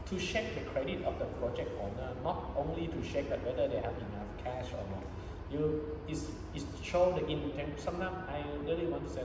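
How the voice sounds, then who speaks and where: Male interviewee, Thai accent, lawyer explaining in halting, repetitive phrases; distant, very echoey recording. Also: medium pitch. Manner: halting, repeats and rephrases phrases. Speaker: property lawyer being interviewed. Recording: echoey reverberant room, distant mic, background noise.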